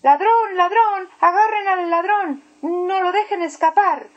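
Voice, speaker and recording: A woman voicing a kind, flustered older woman who has just been robbed and talks warmly to the boy who helped her. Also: high voice, sing-song, slow pace, highs cut off, full character voice. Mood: frantic. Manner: frantic shouting, then warm praise.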